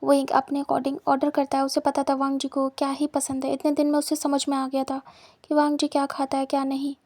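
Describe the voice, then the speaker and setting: High-voiced monotone woman storyteller. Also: fairly quick. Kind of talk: fanfiction story narration.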